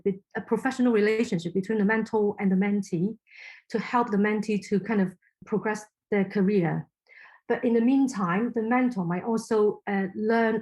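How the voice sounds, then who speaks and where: A woman's voice: medium pitch, darkish tone, rough recording. A woman from Hong Kong whose first language is Chinese, a podcast guest talking thoughtfully with frequent fillers and restarts. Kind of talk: casual interview talk.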